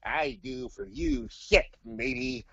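A man's voice: mid-range voice, huge pitch swings, slow, gravelly, sharp tone, slightly rough, highs cut off, heavily acted. A man voicing a gloomy pirate puppet with stock pirate dialect and old-fashioned grammar in a comic ventriloquist skit. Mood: hearty. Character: gloomy pirate puppet, confessing with weary regret.

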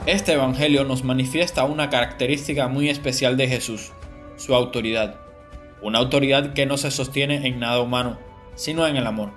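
Man reading a gospel reflection, earnest and steady, soft music under it. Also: mid-range voice, brisk. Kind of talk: scripted devotional narration.

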